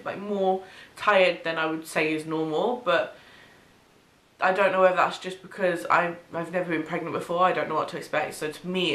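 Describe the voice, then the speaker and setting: Speaking at a fairly low pitch, this UK vlogger chats through a relaxed pregnancy update while nursing a cold, sniffling, saying um often and laughing softly. She's indoors in a small bedroom or home studio, filmed head-and-shoulders on the camera's own mic, with noticeable room echo.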